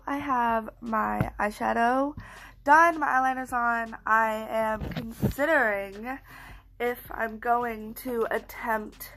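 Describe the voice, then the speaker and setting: A young woman with a slightly high voice chats to her phone camera from her bedroom, rambling from one thing to the next. Her talk is loose and self-mocking. Soft music sits faintly under her voice. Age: young adult. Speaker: vlogger. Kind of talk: casual vlog chat to camera. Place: small bedroom at home, indoors. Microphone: phone held at arm's length.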